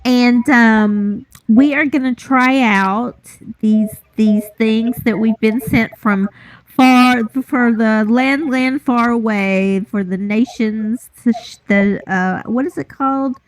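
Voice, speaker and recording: A woman's voice: fairly high pitch, slow pace, no echo. A woman co-hosting a casual chat, playful and chatty as she tastes snacks. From USA. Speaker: co-host. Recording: dull lo-fi audio.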